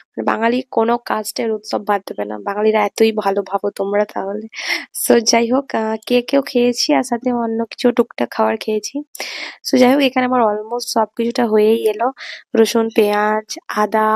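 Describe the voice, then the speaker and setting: A woman giving a chatty voice-over for her vlog, her throat a little hoarse this morning, mixing in English words. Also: on the high side, darkish tone, no echo. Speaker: vlogger. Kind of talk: casual voice-over narration. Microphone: voice-over mic.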